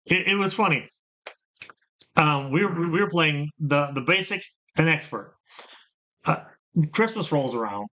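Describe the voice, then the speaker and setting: A man's voice: on the high side, expressive, measured pace, long pauses, pushed and bright. A middle-aged man hosting a casual chat about his gaming past, rambling and repeating words as he tells stories. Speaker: channel host.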